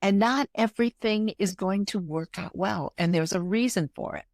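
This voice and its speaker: A woman's voice: mid-range voice, normal speed, no room sound, clean studio sound. A woman of mature years, an arts executive guest in an interview, speaking emphatically and telling stories with quoted dialogue. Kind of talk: conversational interview.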